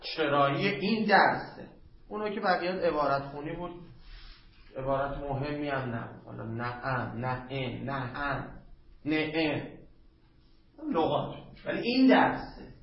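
Persian seminary teacher lecturing in a dull recording. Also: male voice, on the high side, lively intonation, gravelly. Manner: chants Arabic quotations slowly, then talks fast and conversationally. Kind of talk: classroom lecture on Arabic grammar. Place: classroom. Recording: dull lo-fi classroom recording with faint noise.

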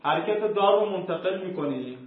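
High-voiced male teacher in an echoey room. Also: expressive, slight background noise. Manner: explains step by step, asks and answers his own questions, chants word forms slowly. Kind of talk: classroom lesson. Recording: echoey room, dull lo-fi sound.

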